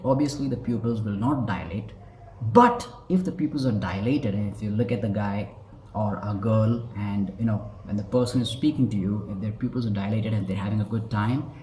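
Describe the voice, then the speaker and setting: A man's voice: on the low side, dark tone, a little hiss or hum. A man gives a casual talk about body language, rambling a little and acting out examples as he goes. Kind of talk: explanatory talk to camera. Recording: echoey room with faint ambience.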